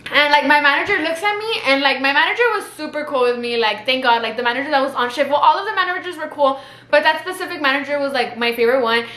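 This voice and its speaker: A woman's voice: sits high, fast talker, sharp tone, reverberant. A young adult woman from South Texas telling a casual storytime vlog, chatty and heavy with "like" fillers. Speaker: vlogger.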